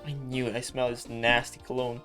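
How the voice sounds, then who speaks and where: A man's voice: medium pitch, little pitch movement, a little fast, fairly bright tone, faint music behind, close to an everyday voice. A man reading the lines of a chatty young woman intern who rambles bluntly and swears. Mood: ranting.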